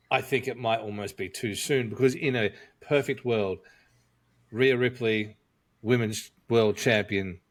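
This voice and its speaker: Chatty man co-hosting a podcast. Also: lowish voice. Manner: chatty and jokey, thinking aloud with frequent fillers. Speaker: podcast co-host. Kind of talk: casual podcast chat.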